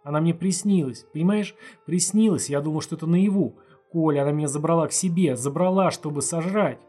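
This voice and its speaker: A man's voice: on the high side, fairly quick, mellow, breathy edge, soft background music, pitched above the performer's own voice. A man voicing a sobbing, terrified young man. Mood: tearful. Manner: sobbing, wailing.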